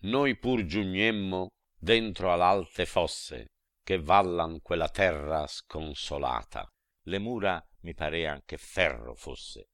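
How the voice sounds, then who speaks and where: Very deep-voiced man reciting verse gravely. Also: slow pace, a bit bright, no echo, studio quality. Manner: solemn, grave declamation of verse. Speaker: reader. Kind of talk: dramatic poetry recitation.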